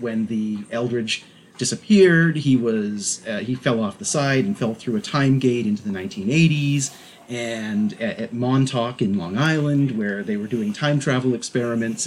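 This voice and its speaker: A man co-hosting a podcast, speaking in an easy mid-range voice. He rambles and gets animated, stacking restarts and fillers as he talks. Faint noise hums behind him. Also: mid-range voice, moderate pace. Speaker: podcast co-host. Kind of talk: casual chat.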